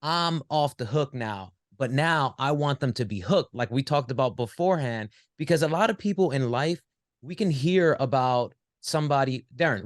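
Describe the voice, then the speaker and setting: A man's voice: fairly high pitch, dry recording, clean studio sound. A man hosting an interview show, making emphatic rhetorical points and asking probing questions. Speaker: talk show host, interviewer. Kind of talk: conversational interview.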